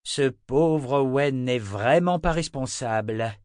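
A man's voice: mid-range voice, slow, darkish tone, clean tone, no room sound, clean studio sound, voice pushed up, close to an everyday voice. A man reading an audiobook voices a stern woman speaking with icy sarcasm. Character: stern woman, coolly ironic.

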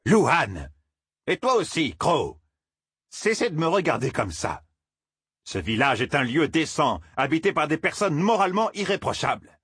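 A cranky old village roofer shouts and scolds, as a man puts him on. His husky, fairly high voice swings wildly up and down, heard close and dry in an audiobook. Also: very animated, moderate pace, no echo. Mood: furious. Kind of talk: audiobook character voice.

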